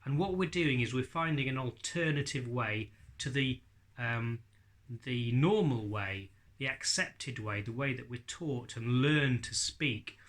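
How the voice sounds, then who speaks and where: A man in his forties teaches in an informal, explanatory way. His voice is bright and forward, sitting at a middling pitch. He breaks speech down into single sounds as he demonstrates. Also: a little slow. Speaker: ventriloquism teacher. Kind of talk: informal spoken tutorial. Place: living room with bookshelves and leather sofa.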